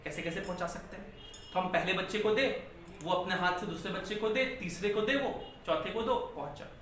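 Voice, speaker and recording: A man with a high, fairly bright voice speaks at a fairly quick pace. He's a physics teacher lecturing his class, posing questions and repeating key terms. The recording picks him up from far off in a large echoey classroom, with faint noise.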